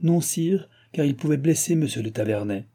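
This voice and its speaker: A man's voice: on the high side, lively intonation, moderate pace, dark tone, pitched above the performer's own voice. A man voicing a zealous court minister in an audiobook, speaking firmly and insistently. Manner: firm, insistent. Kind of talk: audiobook reading.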